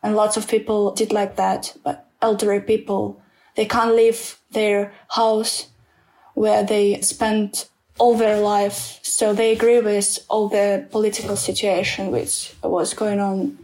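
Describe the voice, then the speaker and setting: A young woman in her twenties speaks English with a Ukrainian accent, choosing her words carefully. Her delivery is slow and unhurried, with pauses and restarts as she answers an interviewer's questions. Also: medium pitch, little pitch movement, darkish tone, rough recording. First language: Ukrainian or Russian. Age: 20s. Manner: careful, halting non-native English with pauses.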